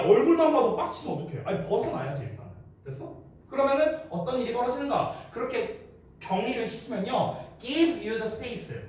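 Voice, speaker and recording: Man, English teacher, high animated voice, roomy echo, mic set back. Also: a little hiss or hum. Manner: casual, teasing, checks in with students often. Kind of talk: exam-prep lecture. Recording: echoey room, mic at a distance.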